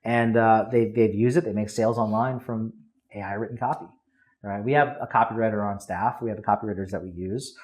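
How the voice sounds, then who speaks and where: A man speaking as a guest on a podcast, a copywriter explaining his methods in casual, high-energy interview talk. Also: fairly even intonation, fairly quick.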